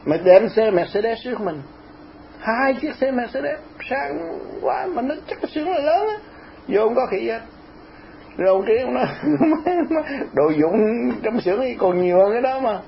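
Older southern vietnamese guy, chatty animated storyteller, dull lo-fi tape sound. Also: extremely high pitch, normal speed, creaky. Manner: animated, lively storytelling with laughs. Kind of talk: casual storytelling chat. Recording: muffled lo-fi tape with faint hiss.

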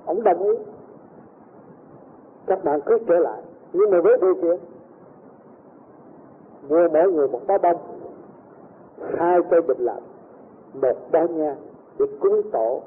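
A man's voice: a little high, a little slow, long pauses. Man telling a story over a tinny line. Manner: rambling, acts out the voices of people in his story. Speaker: storyteller addressing a gathering. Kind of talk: spoken personal anecdote. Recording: tinny lo-fi recording with faint noise.

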